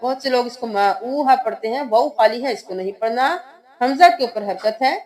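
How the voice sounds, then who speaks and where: A woman teaching Quran reading, spelling out letters and slowly chanting each word, patient and repetitive. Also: on the high side, lively intonation, a little mellow. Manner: patient, repeats words slowly with drawn-out chanting.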